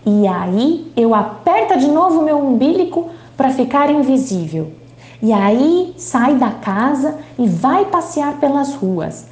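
Woman as young boy narrator, dreamy storytelling, broken grammar, high voice, slow. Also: very animated, a little mellow, roomy sound, heavily acted.

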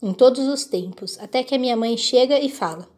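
A woman reading a children's book aloud in a lively, expressive way. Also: on the high side, fairly quick. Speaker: reader.

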